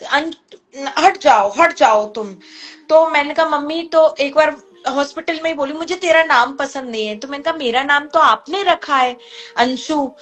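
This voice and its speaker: A woman's voice: sits high, a bit bright. A woman earnestly recounting a personal family story, acting out the voices of the people she quotes.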